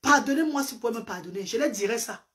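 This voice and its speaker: Seated on a sofa in a small indoor room, a Medumba-speaking woman, a live-stream host and parent advocate, gives an impassioned social-media address into a close phone camera. Her fairly high, slightly bright voice is expressive and fast, preacherly and full of emphatic repetitions.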